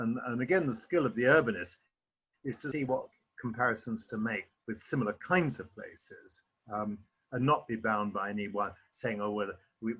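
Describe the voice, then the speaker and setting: Assertive man with a husky voice. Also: mid-range voice, a bit bright. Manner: assertive, argumentative. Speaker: panel speaker. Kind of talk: webinar panel remark. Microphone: video call. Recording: muffled video call audio.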